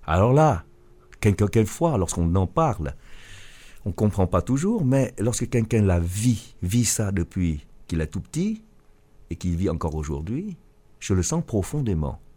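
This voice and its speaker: Un homme d'âge mûr originaire du Vietnam, auteur et chef d'entreprise, qui répond en interview avec sérieux et hésite souvent. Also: male voice, fairly low pitch, big pitch swings, dark tone. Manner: earnest, halting with restarts. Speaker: author and business leader. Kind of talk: radio interview answer.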